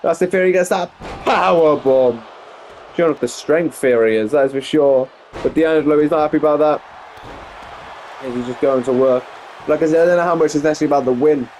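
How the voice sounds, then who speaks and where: A man's voice: fairly high pitch, fairly quick, a little mellow, slight background noise. Rambling English man commentating gameplay. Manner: rambling, self-correcting, frequent exclamations. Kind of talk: casual wrestling game commentary.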